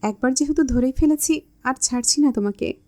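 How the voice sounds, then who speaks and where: A woman's voice: high voice, brisk, warm tone, lightly acted. A woman voicing a teasing, bossy young man in love, with a smug manner.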